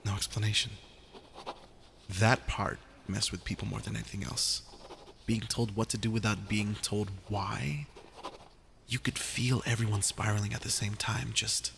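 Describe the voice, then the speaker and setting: A man's voice: on the low side, creaky, fairly bright tone, slight background noise. A man playing a weary, wry young survivor in a first-person audio journal drama, hesitant, confiding and informal. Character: young Filipino male zombie survivor, weary, wry, self-deprecating.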